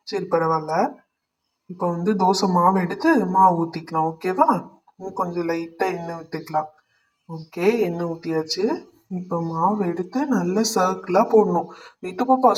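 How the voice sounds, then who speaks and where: A woman voicing a caring older brother doll who gently explains how to cook, in a pretend-play toy show. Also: on the low side, lightly acted. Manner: gentle, instructive.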